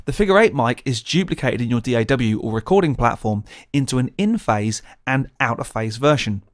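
A man's voice: mid-range voice, animated, brisk. Man explaining audio gear. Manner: clear, methodical explaining. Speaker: presenter of a gear channel. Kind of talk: scripted tutorial narration. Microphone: studio condenser mic, close.

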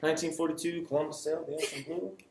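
Talking at a racing pace, a young student host teases his guest and laughs a lot on a playful interview show. His voice is a little high with fairly even intonation, and a crowd can be heard behind him. It's captured by a camera on the table in a small, echoey indoor classroom with background noise.

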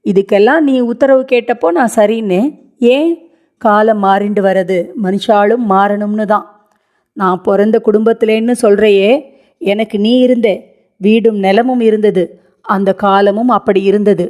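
A woman's voice: medium pitch, fairly even intonation, unhurried, darkish tone, close to an everyday voice. A woman voicing a grieving elderly grandmother in a read-aloud story, lamenting and pleading through tears. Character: grieving elderly grandmother, widowed young, stubborn.

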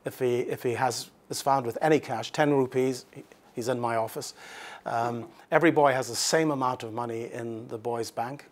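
A middle-aged man answering formally as a school headmaster in an interview, explaining in a measured way with halting restarts. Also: mid-range voice, fairly even intonation. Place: indoor office set. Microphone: lapel.

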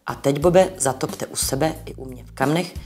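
A woman voicing an old miser who has turned joyful and generous, speaking cheerfully and briskly. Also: sits low, a little mellow, soft background music, close to an everyday voice. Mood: mock-stern.

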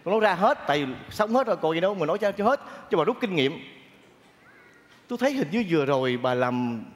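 A man performing a stage comedy sketch, talking straight to the audience in an animated way. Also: sits high, quick pace, big-room sound. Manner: animated, addresses the audience directly.

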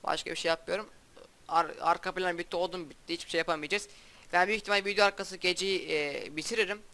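Halting young man narrating gameplay. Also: high-pitched. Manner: halting, stumbling speech with restarts; flat, subdued delivery. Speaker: gaming YouTuber. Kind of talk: casual gameplay commentary.

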